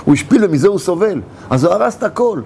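A man's voice: sits high, animated, vocal fry, a little mellow, slight background noise. A man teaching a religious lesson, animatedly telling a parable and acting out its scenes.

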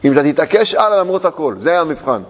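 A man's fairly high voice carries a religious lesson, with a long hall reverb around it. He teaches through quick rhetorical questions and plays with words, repeating phrases for effect. The tone is a rabbi's sermon before his class. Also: animated. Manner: rhetorical questions, playful repetition and wordplay.

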